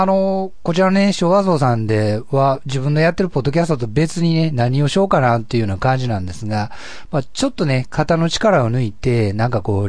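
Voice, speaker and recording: A man with a husky, gravelly voice, chatting casually and politely as a solo podcast host. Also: mid-range voice, darkish tone, no room sound. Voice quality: husky, gravelly voice, often taken for having a cold. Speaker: podcast host and amateur musician.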